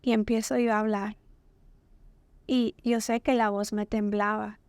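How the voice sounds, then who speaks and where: A woman's voice: mid-range voice, level tone, a little slow, clear, resonant tone, dry recording. A woman sharing a personal testimony as a podcast guest, telling the story vividly and acting out the dialogue. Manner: vivid, acts out quoted dialogue. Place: podcast studio.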